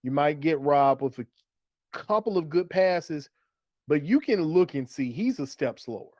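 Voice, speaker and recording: On a sports podcast, a male co-host with a slightly high, slightly mellow voice chats casually about fantasy football, animated yet a little slow. He explains his analysis and repeats phrases for emphasis, and the recording is dry.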